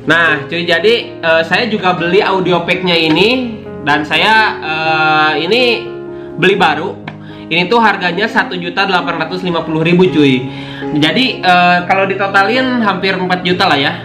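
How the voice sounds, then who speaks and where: High-pitched and at normal speed, a young motovlogger YouTuber chats to camera while unboxing his motorbike vlogging gear. His talk is slangy, heavy with fillers, and he says "cuy" again and again. Guitar music plays in an echoey room.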